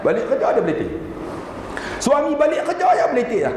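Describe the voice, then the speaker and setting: A man giving a comic sermon in a surau prayer hall, telling jokes and stories in an animated way. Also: very high-pitched, fairly quick. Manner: animated, joking storyteller. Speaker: religious preacher. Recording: echoey hall with PA noise.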